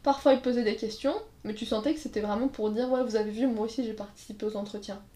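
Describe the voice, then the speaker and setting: A woman's voice: on the high side, steady tone, fast talker, mellow. A woman telling casual anecdotes in a chat, acting out quotes and laughing along. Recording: roomy echo.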